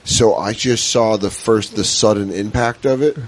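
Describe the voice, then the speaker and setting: Lower-voiced man in comedy chat. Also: normal speed, background noise. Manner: emphatic, repeats opinions. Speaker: podcast host.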